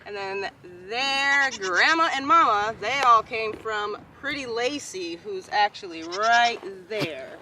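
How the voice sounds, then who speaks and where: Out in a goat pasture, a woman narrates her casual farm vlog, chatting warmly and speaking affectionately to her goats. Her slightly high voice is animated, pushed, and bright, slow yet with hardly any pauses, while goats bleat over faint outdoor ambience.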